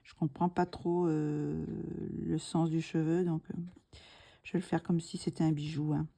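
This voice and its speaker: A middle-aged woman narrating a coloring tutorial, slow and soft-spoken, thinking aloud and often dropping to a whisper. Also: sits low, level tone, creaky.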